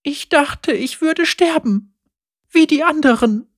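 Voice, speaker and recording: A man reading a story aloud and voicing a frightened young girl in a very high, shrill voice. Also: steady tone, measured pace, fairly bright tone, dry recording, clean studio sound. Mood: shaken.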